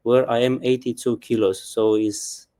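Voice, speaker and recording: A Romanian man in his thirties hosts a webinar in English, his second language. His pitch sits in the middle for a man, and his delivery is earnest and repetitive, with "yeah" tucked between his points. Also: flat delivery, unhurried, mellow. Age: 30s. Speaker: webinar host and self-help coach. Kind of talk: presenting a webinar. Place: Bali.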